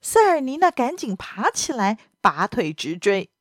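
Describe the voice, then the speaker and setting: A woman narrating a serialized detective story in animated storytelling. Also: fairly high pitch, a little slow, dry recording, studio quality.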